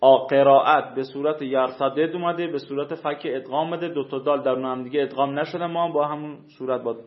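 A man's voice: mid-range voice, fairly even intonation. A male teacher giving a classroom lecture on recitation rules, explaining patiently and quizzing his students. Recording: echoey room, dull lo-fi sound.

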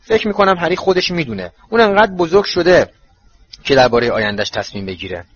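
A man voicing a calm, thoughtful grown man in a storybook reading, speaking softly and evenly. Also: fairly high pitch, slightly rough, pitched above the performer's own voice. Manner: soft and even-tempered. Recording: dull lo-fi recording.

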